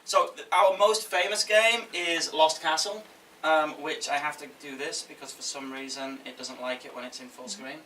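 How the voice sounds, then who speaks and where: A man gives an informal conference talk in a bright, forceful, slightly high voice. He is conversational and jokey, checking in with his listeners. The sound is roomy and distant from the microphone. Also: fairly even intonation, moderate pace. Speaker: game publisher giving a talk. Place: indoor event room with audience. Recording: echoey room from afar, faint noise.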